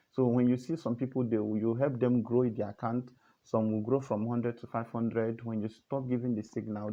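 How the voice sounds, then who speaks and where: A man's voice: mid-range voice, mellow, muffled recording. A man teaching a trading method in a casual, earnest tutorial, repeating himself and asking the listener questions. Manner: repetitive, earnest, coaxing questions.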